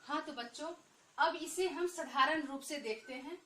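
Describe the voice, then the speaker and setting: A high-pitched woman teaches schoolchildren a lesson, speaking slowly and patiently and stretching out the vowel sounds she demonstrates. She sits a little back from the microphone, so her voice carries the echo of the room. A faint room hum lingers behind her. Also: sharp tone, distant mic. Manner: slow, patient, repeats points and drawn-out vowel sounds. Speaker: Hindi teacher. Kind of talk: online Hindi lesson for children. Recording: echoey room, voice a bit off-mic.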